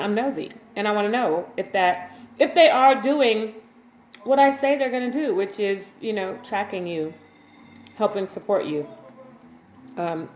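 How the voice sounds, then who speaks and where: A woman chats casually on a livestream, greeting viewers by name and reading their comments aloud. She talks in a loose, informal way. Her voice carries a roomy echo over a faint background hum. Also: medium pitch. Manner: relaxed and informal, frequent ums and slang. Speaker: waist bead maker and seller, livestream host.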